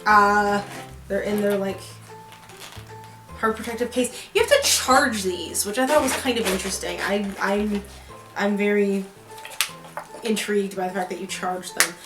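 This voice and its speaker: A young woman chats casually to camera from her apartment, rambling through her story with plenty of fillers and false starts. Her voice sits at an ordinary pitch for a woman. The room gives it a roomy echo, with faint music underneath. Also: steady tone, unhurried, long pauses. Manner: rambling, filler-heavy, with many restarts. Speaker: vlogger. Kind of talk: casual chat.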